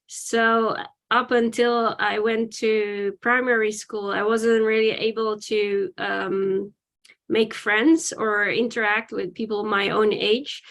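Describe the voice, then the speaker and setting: A woman's voice: medium pitch, little pitch movement, slow pace, fairly bright tone. A woman in her forties from the Netherlands, a guest telling her life story candidly and reflectively in an interview. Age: 40s. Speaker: podcast guest.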